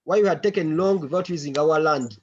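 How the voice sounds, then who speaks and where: A man gives a report to colleagues over a conference call. His voice is on the high side and somewhat husky, and he circles back over his phrases. The online audio is a bit dull. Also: fairly quick, darkish tone. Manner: repeats words and phrases while recounting. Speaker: member of an organisation reporting to a meeting.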